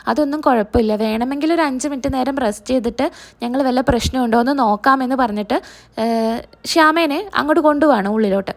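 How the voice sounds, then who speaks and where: A woman narrating a recap of a TV serial episode, retelling each character's lines in her own voice. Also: fairly high pitch. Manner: narrates and voices all characters' quotes herself.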